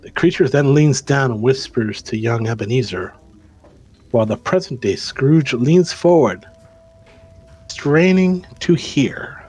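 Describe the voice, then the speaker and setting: A man's voice: mid-range voice, a little slow, darkish tone, breathy edge. A man narrating a tabletop role-playing game as game master, mixing story narration with casual rules talk.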